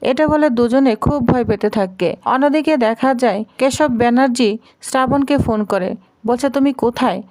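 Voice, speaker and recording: A woman narrating a recap of a TV serial in a steady storytelling manner. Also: a little high, normal speed, no echo.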